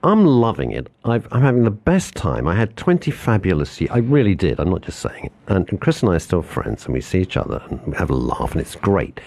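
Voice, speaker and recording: A British man in his fifties hosting a casual radio chat, animated and repeating himself as he builds up steam. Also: low voice, brisk, vocal fry, hardly any pauses. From Britain. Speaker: radio show host. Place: radio studio.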